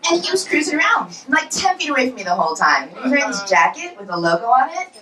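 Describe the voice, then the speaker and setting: A woman in her forties does a stand-up set at a New York comedy club, firing off punchy self-deprecating stories in a high-pitched, very animated, quick voice. A crowd is audible behind her, and the roomy club sound is captured from a distance.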